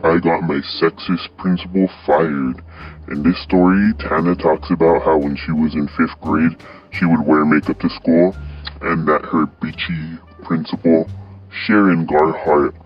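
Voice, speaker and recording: Very deep, flat-voiced man narrating. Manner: flat, plain reading with small stumbles. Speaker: countdown video host. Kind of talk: read countdown narration. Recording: dull lo-fi voice with music.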